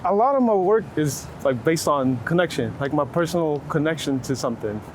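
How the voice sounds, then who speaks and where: Brisk and expressive, a slightly high-voiced man, an American photographer from Waco, Texas, muses informally during an interview, hedging with "like" as he searches for the right words. He's standing outdoors on a city street, and the recording clearly captures the traffic and street noise, the passing vehicles, and the urban ambience.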